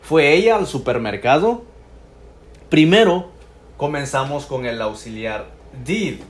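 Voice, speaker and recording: A man teaching English grammar in Spanish, patiently going over each example and repeating the English phrases slowly. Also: fairly high pitch, expressive, reverberant.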